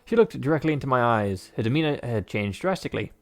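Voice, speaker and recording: A man's voice: medium pitch, expressive, quick pace, gravelly. Joking man reading a game aloud. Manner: joking, rambling, many fillers. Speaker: game player and narrator. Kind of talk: reading a visual novel aloud with joking commentary.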